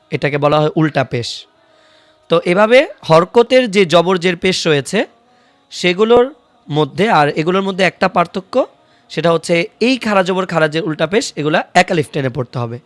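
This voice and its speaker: A fairly high-voiced man teaches a beginner's Quran reading class, sounding out each letter and vowel mark slowly and repeating it. The recording is close and dry, with no room sound. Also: dry recording. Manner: patient, repeats each syllable slowly for students to follow. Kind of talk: online recitation lesson.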